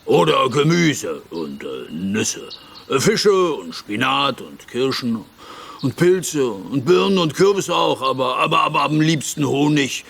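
A man voicing a big, good-natured male bear who talks slowly and rambles. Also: medium pitch, very animated, gravelly, a bit bright, husky, voice pushed up, full character voice. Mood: kindly.

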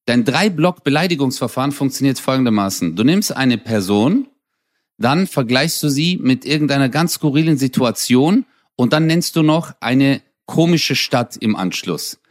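Young male podcast co-host, playful ribbing, animated delivery with a dry close mic. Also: medium pitch, moderate pace, no echo. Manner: teasing, animated storytelling with sound effects. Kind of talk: casual comedic banter.

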